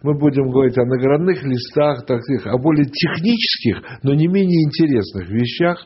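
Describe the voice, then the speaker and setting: A man's voice: medium pitch, expressive, brisk, slightly rough. A man hosting a conversational radio interview, leisurely and searching for his words, sometimes breaking in on his guest. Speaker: radio talk show host. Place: radio studio. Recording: dull lo-fi radio broadcast.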